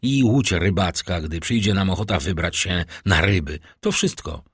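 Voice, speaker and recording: A man reading an audiobook, voicing a worldly, grand count in a husky voice. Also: low voice, normal speed, dry recording, studio quality.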